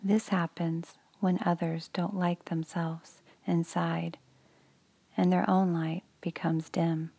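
A woman leads a children's meditation in a hushed, breathy near-whisper. Her voice is low, dark and gravelly, and she speaks in an even, unhurried way. The sound is dry and close, with no room echo. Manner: soft whispery delivery, slow and soothing. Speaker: meditation guide.

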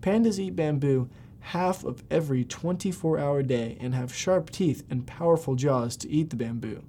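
A man narrates scripted podcast facts in a somewhat high, relaxed and mellow voice. He reads aloud and now and then stumbles on a word. A faint low rumble sits behind him. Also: moderate pace. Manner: reading aloud with occasional stumbles. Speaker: podcast host.

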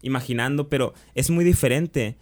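A young man with a Mexican Spanish accent tells a long personal story in relaxed conversation. His voice sits in a middle register, and his talk is loose and slangy, with frequent restarts. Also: mid-range voice, normal speed. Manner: slangy, peppers speech with "güey", restarts often. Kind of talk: casual storytelling chat.

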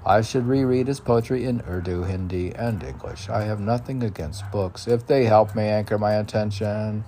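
With slight background noise, a man with a fairly low, mellow voice reads his poetry at a moderate pace. He drifts into muttered asides between lines and frequently repeats phrases.

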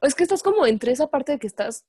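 A young woman with a Mexican Spanish accent, chatting casually with friends and telling stories in a slangy, animated way. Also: high voice, quick pace, no room sound. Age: young adult. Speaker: student. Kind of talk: casual chat among friends.

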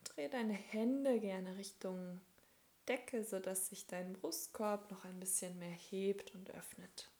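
Here a woman acts as a yoga instructor guiding relaxation, her pitch medium. She keeps her phrases short and soothing, pausing at length in a calm manner.

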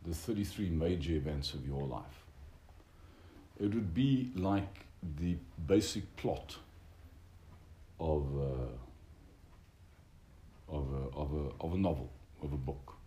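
A man with an extremely deep, mellow voice delivers a reflective, unscripted lecture. His phrasing is donnish and formal, with searching academic hesitations. The room is echoey. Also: lively intonation, slow pace, pauses often. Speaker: religious teacher lecturing a group. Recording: roomy echo with background noise.

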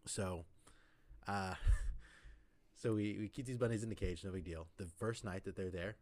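A man with a very deep, low voice tells a rambling story over a podcast chat. He keeps circling back with fillers and "like" as he goes. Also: steady tone, unhurried, darkish tone. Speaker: podcast co-host.

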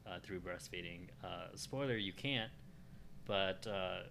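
A man chatting casually as a co-host, pausing often with ums and uhs. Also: sits low, creaky, pushed and bright. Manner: hesitant, fills pauses with um and uh. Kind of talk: casual conversation. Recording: noticeable background noise.

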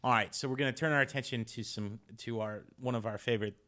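A man's voice: medium pitch, steady tone, fast, sharp tone. A man co-hosting a casual sports podcast, talking loosely with restarts and frequent laughs. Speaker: podcast co-host.

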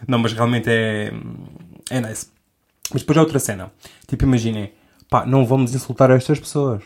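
A man's voice: medium pitch, fairly quick, darkish tone. A young man with a European Portuguese accent, hosting a podcast in a rambling, self-interrupting comic monologue and laughing often. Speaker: podcast host. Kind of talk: casual comedic monologue.

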